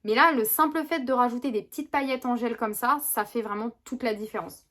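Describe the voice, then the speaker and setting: A woman's voice: on the high side, a little fast, bright, forceful tone. A woman talking casually through a makeup tutorial, chatty and rambling with many fillers and restarts. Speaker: beauty vlogger. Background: neighbor's lawnmower.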